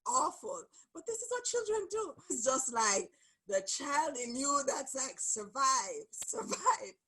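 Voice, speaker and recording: A woman hosting a group sharing session, telling a funny story in an expressive way and laughing as she goes. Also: high voice, a little slow, low-quality recording. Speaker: host. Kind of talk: animated storytelling.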